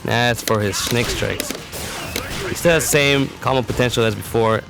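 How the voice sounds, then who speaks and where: With music in the background, a competitive gamer explains a character in a fighting game tutorial, keeping his commentary instructional and matter-of-fact. His voice is creaky and medium in pitch, and he talks at a normal speed.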